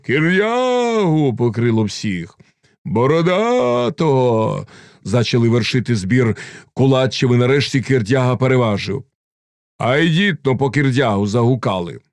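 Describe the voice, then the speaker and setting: A man narrating a classic novel as an audiobook, in expressive storytelling. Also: fairly low pitch, dry recording.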